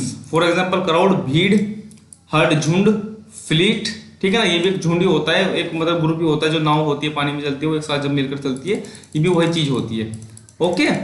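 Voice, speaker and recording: A man teaching English grammar in a casual, explaining way, with an Indian accent, often checking in with "okay?" and reading English examples slowly. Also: a little high, reverberant.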